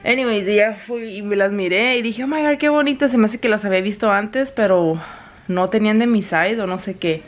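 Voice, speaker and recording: A woman's voice: medium pitch, normal speed, a little hiss or hum. A young woman from Mexico, chatting casually in a home vlog, mixing Spanish and English and laughing often. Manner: switches between Spanish and English mid-sentence. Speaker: vlogger.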